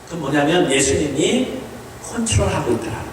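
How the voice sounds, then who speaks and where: A man's voice: expressive, moderate pace, a little hiss or hum. Man preaching in an echoey hall. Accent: Korean. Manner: swings between high emphatic lines and low quiet ones. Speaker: pastor. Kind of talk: sermon. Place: church sanctuary. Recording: echoey church hall, voice from a distance.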